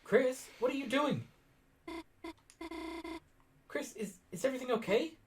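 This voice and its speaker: A man voicing a timid, nervous young girl deer from a game, reading her lines aloud with a halting, stammering delivery. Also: very high-pitched, expressive, faint music behind. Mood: worried.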